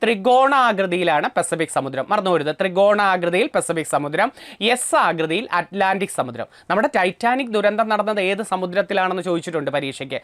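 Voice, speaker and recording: A man's voice: high-pitched, animated, a little fast, fairly bright tone, no room sound. A man with a Malayali accent teaching an exam prep lesson, asking questions and repeating the answers to drill them in.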